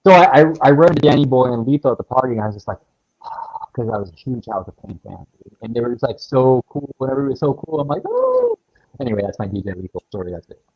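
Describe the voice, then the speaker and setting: Fast-talking male guest, muffled audio. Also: mid-range voice, expressive, breathy edge. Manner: fast storyteller, laughing, slangy. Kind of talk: casual livestream chat.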